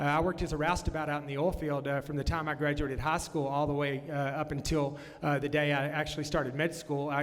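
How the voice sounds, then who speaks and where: A fast-talking congressional candidate from the Texas Panhandle, his pitch fairly high and his tone fairly bright, gives a folksy campaign stump speech at a candidate forum. He keeps restarting and dropping "uh" fillers. Through a handheld or podium mic and the room PA, his voice echoes with long reverb around the meeting room.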